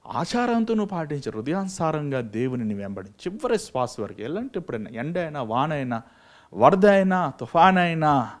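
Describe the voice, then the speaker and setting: A male evangelist preaching a sermon with passion, firing rhetorical questions and swinging from low asides to loud, emphatic calls. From India. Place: church or prayer meeting.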